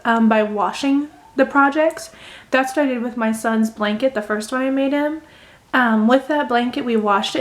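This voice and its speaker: Chatty woman with a higher voice. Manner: chatty, talks through each step. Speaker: crochet video host. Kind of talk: casual crochet tutorial.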